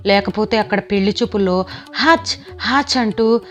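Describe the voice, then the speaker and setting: A woman voicing a sharp-tongued, stubborn old grandmother, scolding and teasing in a raised pitch. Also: moderate pace, muffled recording, natural voice.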